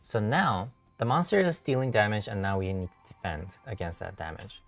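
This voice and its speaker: A man who is a software engineer, hosting a tutorial stream and explaining code step by step, halting with many fillers and self-corrections, his voice a little worn. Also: lowish voice, sing-song, recorded from a distance, faint music behind. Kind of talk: live-coding tutorial walkthrough.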